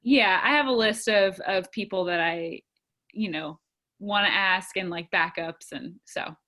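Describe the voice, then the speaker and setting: A woman's voice: mid-range voice, measured pace, bright, forceful tone. A woman in her twenties, a guest in a casual interview, chatty and upbeat with many fillers. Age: 20s.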